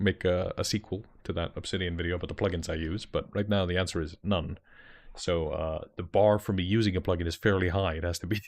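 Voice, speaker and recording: A young man with an Icelandic accent and a deep, slightly mellow voice streams and acts as dungeon master. He chats casually with his viewers, answering their comments while rambling and restarting his sentences.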